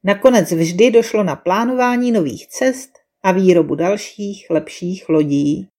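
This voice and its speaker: Mellow female storyteller, calm measured storybook reading. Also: medium pitch.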